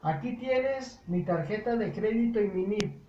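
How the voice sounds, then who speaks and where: Man doing a thrilled ancient king, high and loud, roomy dull recording. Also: expressive, measured pace, recorded from a distance, a little hiss or hum. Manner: exclamatory, boastful. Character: excited generous ancient male king.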